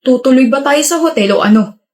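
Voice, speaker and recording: A woman's voice: high-pitched, fairly quick, darkish tone, close to an everyday voice. Woman playing a bossy, manipulative boyfriend. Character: pushy, manipulative young male boyfriend. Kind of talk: skit role-play.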